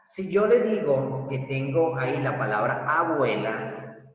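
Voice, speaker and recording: A man teaching a recorded grammar lesson, explaining slowly and deliberately and asking rhetorical questions. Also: mid-range voice, big pitch swings. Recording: echoey room from far off.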